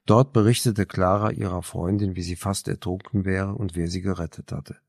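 A man narrating a novel as an audiobook, measured and even. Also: low-pitched, gravelly, dry recording, studio quality.

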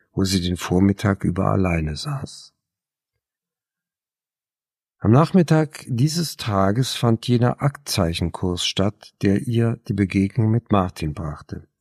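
A man reading a novel aloud as narrator, measured and even. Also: fairly low pitch, gravelly, slightly rough, no echo, studio quality. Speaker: audiobook narrator. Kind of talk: scripted narration.

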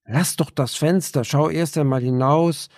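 A man's voice: a little high, lively intonation, moderate pace, gravelly, mellow, no room sound, studio quality, pitched above the performer's own voice. A man voicing an anxious young female student in an audiobook, with urgent, pleading lines.

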